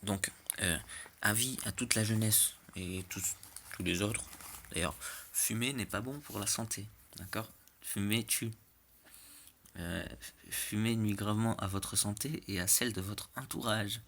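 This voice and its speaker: A man's voice: fairly low pitch, unhurried, fairly bright tone, slight background noise. A man giving casual, joking commentary over game replays, chatty and often checking in with the listener. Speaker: clan war replay commentator.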